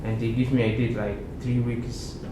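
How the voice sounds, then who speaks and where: Young Somali man, interview guest, hesitant delivery, mid pitch, roomy and noisy recording. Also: level tone, normal speed. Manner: hesitant, many restarts and fillers. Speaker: interview guest, MBA student. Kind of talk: casual interview answers. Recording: echoey room with background noise.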